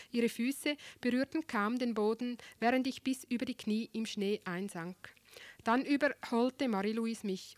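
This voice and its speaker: Wry, expressive woman reading a story. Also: on the high side, no echo. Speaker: audiobook narrator. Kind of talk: first-person audiobook reading.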